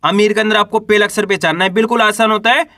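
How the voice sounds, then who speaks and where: A patient male teacher with a high, bright voice sounds out syllables one by one for beginners. He asks himself each question and answers it in a slow, even classroom rhythm. His voice is recorded close up and dry, with no room echo. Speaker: Hindi reading teacher. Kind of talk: slow spelling lesson for beginners.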